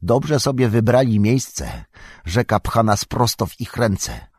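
A man reading as a blunt, loyal young servant in a storybook, grumbling his suspicions. The voice is low and husky. The sound is dry. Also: big pitch swings, takes it slowly, no echo, exaggerated voice. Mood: suspicious.

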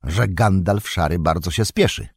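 A man reading aloud, voicing a calm, loyal male royal guard in a husky voice. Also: deep voice, moderate pace, no echo.

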